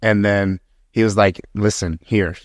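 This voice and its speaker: A young man in his twenties hosting a podcast, his low voice jumping around as he tells stories full of slang. The sound is dry and close, with no room in it. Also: unhurried, dry recording. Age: 20s. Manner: animated storytelling, lots of "like" and slang. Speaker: podcast host. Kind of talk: casual podcast conversation.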